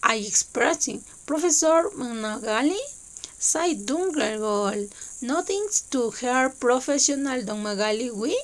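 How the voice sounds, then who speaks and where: A woman whose first language is Spanish, reading a novel aloud in a halting, hesitant way with many fillers. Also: fairly high pitch, low-quality recording. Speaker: reader.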